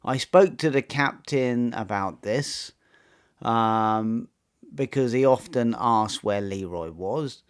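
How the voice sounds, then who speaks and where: Male narrator, mid-pitched, crisp and unhurried; measured scripted storytelling. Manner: slow, measured, matter-of-fact storytelling.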